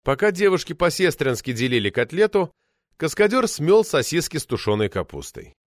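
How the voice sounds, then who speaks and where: A man narrating a novel as an audiobook, reading in a measured, expressive way into a close mic. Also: on the high side, no room sound.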